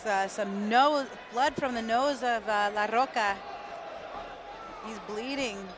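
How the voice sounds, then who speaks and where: A man's voice: sits high, slow. A man giving conversational color commentary on a live fight. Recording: noisy live arena with loud crowd. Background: crowd and event ambience.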